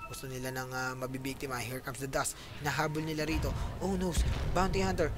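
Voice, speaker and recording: A man with a Filipino accent giving animated esports play-by-play, switching between Tagalog and English and addressing viewers directly. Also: mid-range voice, fast talker, over music. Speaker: esports commentator. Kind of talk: live esports play-by-play commentary.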